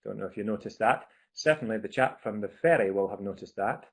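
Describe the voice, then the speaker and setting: A man with a Scottish accent hosts a live webinar over a video call, sounding chatty and upbeat and often saying um and uh. His voice is fairly low and a little fast.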